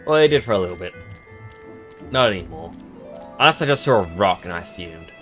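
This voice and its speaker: A man chatting casually as a livestreamer, in an animated, theatrical and chatty manner while he plays a game. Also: low voice, a little fast. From Australia. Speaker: livestreamer, VTuber. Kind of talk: casual gameplay stream chat with read-aloud game dialogue. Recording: music behind the voice.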